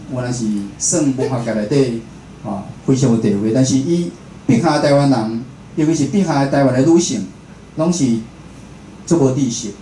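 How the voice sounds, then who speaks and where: A mid-range, dark-toned male voice comes from a Taiwanese radio host. He's giving a relaxed, conversational public lecture to a live indoor audience, in an echoey room with clear background noise.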